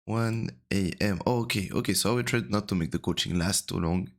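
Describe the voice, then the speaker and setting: Casting: man, deep and gravelly, just woke up, soft rambling coaching talk, close mic. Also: fairly quick. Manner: soft-spoken and rambling, many fillers. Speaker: game coach. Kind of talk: casual coaching call. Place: home room at night.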